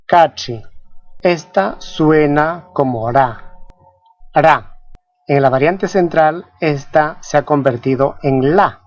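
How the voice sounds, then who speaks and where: Very slow, careful language-lesson voice. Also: mid-range voice, no room sound, lo-fi sound. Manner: careful, spells out sounds and repeats each example word. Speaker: language teacher. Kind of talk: scripted pronunciation lesson.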